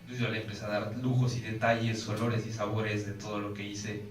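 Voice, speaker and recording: A man's voice: fairly low pitch, monotone, brisk. Mexican man telling his testimony. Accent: Mexican Spanish. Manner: intense storytelling, acts out quoted voices. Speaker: testimony speaker. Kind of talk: personal faith testimony. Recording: roomy, distant mic, faint ambience.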